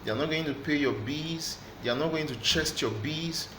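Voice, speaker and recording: A man's voice: a little high, moderate pace, pushed and bright. A middle-aged man hosting a motivational talk, earnest and preachy, repeating phrases for emphasis. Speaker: host of a motivational channel. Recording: echoey room with background noise.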